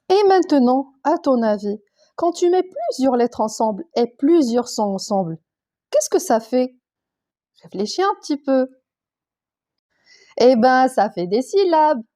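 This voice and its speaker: Primary school teacher, female, slightly high voice, patient and deliberate, breaks words into sounds. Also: mellow. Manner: slow, clear, sounding out letters and syllables for young children. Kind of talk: primary school reading lesson.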